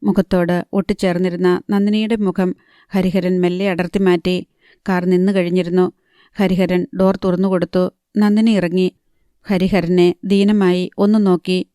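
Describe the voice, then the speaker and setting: A woman narrating a novel with an even, measured reading on a close microphone. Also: on the low side, smooth, no echo. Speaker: audiobook narrator.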